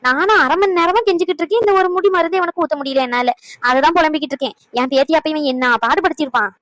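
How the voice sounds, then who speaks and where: A grumbling, bickering cartoon grandmother, voiced by a woman in a lowered voice that still sits high. She talks fast and complains on and on. The recording is dry and close. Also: fairly bright tone, no echo. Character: scolding older woman, a grandmother.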